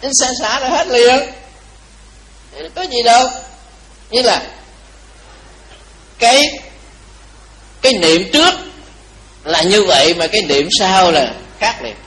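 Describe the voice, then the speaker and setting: A man giving a Buddhist dharma talk, telling a story lively and asking the audience questions. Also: high voice, takes it slowly, long pauses, a little hiss or hum, poor audio. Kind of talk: storytelling sermon.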